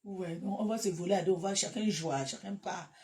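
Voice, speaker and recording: A woman with a Cameroonian French accent chatting casually to her followers, animated and breaking into loud bursts. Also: lowish voice, fairly quick. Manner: animated, laughs loudly, shifts to loud bursts. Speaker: social media live host. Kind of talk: casual live chat to followers.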